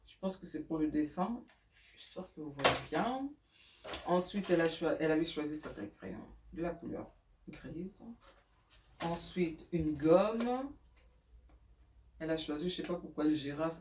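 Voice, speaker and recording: A middle-aged woman chats her way through a home vlog, pausing often and laughing at her own slips. She sounds a little distant from the microphone, in a roomy space with a faint hiss behind her. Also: sits low, darkish tone. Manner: chatty, hesitant, laughs at herself, many fillers. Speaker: mother showing school supplies.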